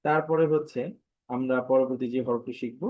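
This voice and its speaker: A man's voice: medium pitch, steady tone. A man teaching an online lesson, patiently repeating syllables and drawing out each letter name to model the sound. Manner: slow, patient drilling of sounds with many repetitions; drawn-out sung syllables when modeling letters. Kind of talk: online live class lesson. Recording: dull lo-fi online class audio.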